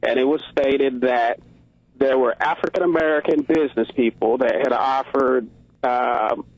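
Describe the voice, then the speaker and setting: A man's voice: mid-range voice, a little slow, no room sound. A man from the Congo calls in to a radio talk show by phone. He builds his points with earnest, preacher-like rhetorical questions. The line is dry and a little muffled. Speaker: caller. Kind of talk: call-in radio commentary. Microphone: phone call.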